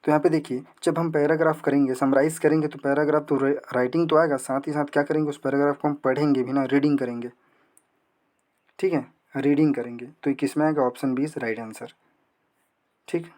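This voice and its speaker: A man's voice: a little high, fairly even intonation, a little mellow. Man teaching exam prep. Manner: asks and answers own questions, reads English slowly. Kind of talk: exam prep lesson explaining questions.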